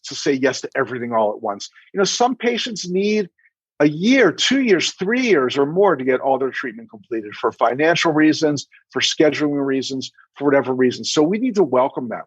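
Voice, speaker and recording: A middle-aged man with a fairly high, husky voice appears as a podcast guest. He is a dentist and practice coach who gives emphatic, animated advice, tells anecdotes, and acts out imagined dialogue. The recording is dry, with the high frequencies cut off.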